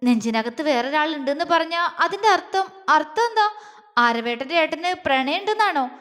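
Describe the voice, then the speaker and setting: A woman voicing a pouty, quick-tempered young woman who whines and scolds in a childlike way, with a long echo on the recording. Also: sits high, lively intonation, fairly bright tone. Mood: pouty, hurt. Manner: sulky, whiny, childlike pleading. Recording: long reverb.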